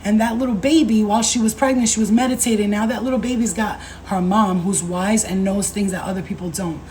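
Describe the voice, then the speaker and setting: A woman in her thirties hosting a casual livestream as a spiritual coach, talking in an animated, slangy way, swearing freely and calling viewers babe and baby. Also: mid-range voice, fairly quick, a little hiss or hum, low-quality recording. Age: 30s.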